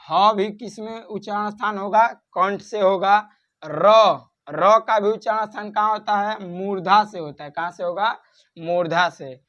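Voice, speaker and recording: A man's voice: high voice, a bit bright. A male grammar tutor teaching in a classroom style, drilling students by asking questions and answering them himself, and chanting series of letters in rhythm. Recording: dull lo-fi sound.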